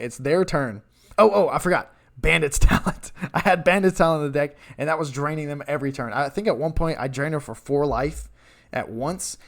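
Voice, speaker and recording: A young man casually recounting a tournament match, rambling and correcting himself as he tells it. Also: mid-range voice. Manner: rambling, self-correcting, animated retelling. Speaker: card game content creator. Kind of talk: casual storytelling recap.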